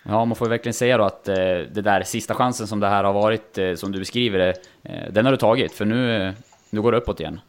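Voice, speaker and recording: A man hosting an interview, asking questions in a measured way with many filler pauses. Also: lowish voice. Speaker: interviewer host.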